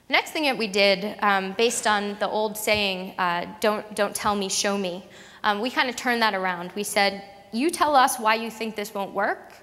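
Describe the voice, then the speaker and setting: Female conference speaker, mid-pitched, conversational with frequent restarts, long hall reverb. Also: a bit bright. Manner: conversational, many fillers and restarts. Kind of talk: presentation talk to an audience.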